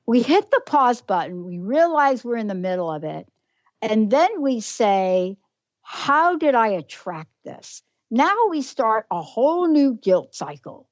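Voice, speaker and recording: A woman's voice: mid-range voice, dry recording. A woman with a New York accent hosting a radio talk show, effusive and emphatic as she introduces and questions her guest. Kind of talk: casual radio interview. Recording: dull lo-fi radio audio, dry.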